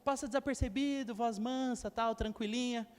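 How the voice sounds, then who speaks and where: A man's voice: very high-pitched, fairly even intonation, moderate pace, smooth, long reverb tail. A young man preaching a sermon, telling stories and acting out quotes while talking straight to the congregation. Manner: storytelling with acted quotes and asides to the congregation.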